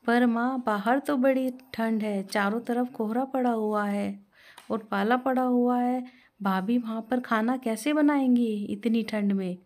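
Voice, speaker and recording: An earnest, kind young sister-in-law, as a woman storyteller puts her on, pleading and protective. Her voice rides a little higher than the narration, with a warm, mellow tone. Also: a little slow, lightly acted.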